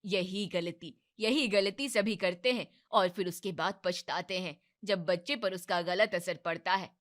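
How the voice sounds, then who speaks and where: A woman's voice: fairly low pitch, measured pace, fairly bright tone. A woman voicing a bossy but caring older mother-in-law in a cartoon family drama, scolding and commanding.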